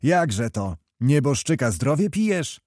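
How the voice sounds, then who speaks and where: A man's voice: mid-range voice, sing-song, unhurried, dry recording, clean studio sound, pitched above the performer's own voice. Kmicic, a man playing a brash young nobleman. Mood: boisterous. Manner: loud exclamations, swearing oaths. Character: boisterous young male nobleman host, hot-tempered.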